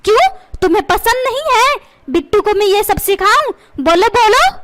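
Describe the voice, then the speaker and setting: A woman's voice: very high voice, animated, moderate pace, background noise. A woman voicing a feisty cartoon mother. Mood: defensive. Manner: bickering, taunting. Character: sharp-tongued feisty mother. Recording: loud background music.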